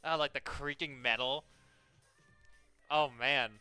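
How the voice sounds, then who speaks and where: A man's voice: medium pitch, steady tone, takes it slowly, bright, forceful tone, clear, resonant tone, no room sound, faint music behind. A sardonic, sweary man giving casual game commentary and reading the game's text aloud. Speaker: let's play host.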